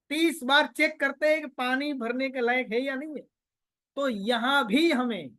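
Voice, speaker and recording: High-voiced man quizzing his audience. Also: no room sound. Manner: quizzes the audience with repeated questions; storytelling, moves between loud and quiet. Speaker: motivational trainer. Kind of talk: motivational seminar talk.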